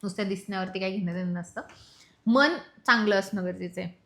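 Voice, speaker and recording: A young woman from Maharashtra, a vlogger, telling her love story in animated casual chat and teasing her husband. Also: mid-range voice, fast talker. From Maharashtra, India.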